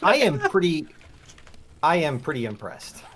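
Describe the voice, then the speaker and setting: A man's voice: a little high, wildly swooping pitch, measured pace, a bit bright, slight background noise. A man in his forties chatting casually during a co-op game, teasing and joking with his friends. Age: 40s. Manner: teasing, playful. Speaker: co-op player. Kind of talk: casual gaming chat.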